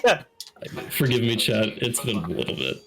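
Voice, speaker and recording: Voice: medium pitch, sing-song, moderate pace. A speedrunner with a mid-range voice talks to viewers during a live run. They joke and poke fun at their own mistakes. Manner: joking, self-mocking. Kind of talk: casual chat while playing.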